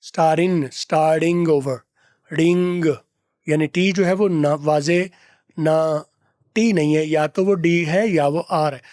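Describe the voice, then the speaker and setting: A man teaching English from film dialogue, repeating phrases slowly to drill pronunciation. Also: on the high side, fairly even intonation, darkish tone, dry recording, studio quality. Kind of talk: lesson explaining film dialogue.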